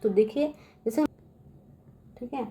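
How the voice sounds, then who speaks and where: Patient woman teacher, high voice. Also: warm tone. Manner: repeats "theek hai" constantly, patient and drawn-out; addresses viewers as children. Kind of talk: spelling lesson for children.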